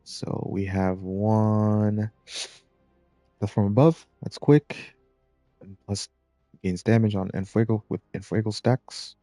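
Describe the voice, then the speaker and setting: A man giving relaxed, rambling commentary while playing a video game, with plenty of filler words. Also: on the low side, slow, pauses often, no echo, soft background music. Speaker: gameplay commentator. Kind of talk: casual gameplay commentary.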